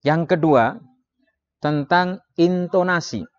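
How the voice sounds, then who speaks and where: A man giving a training lecture on public speaking, with lively delivery that jumps into sudden emphatic rises and slows into drawn-out demonstration phrases. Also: a little high, dry recording, highs cut off. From Indonesia. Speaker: Islamic preaching trainer.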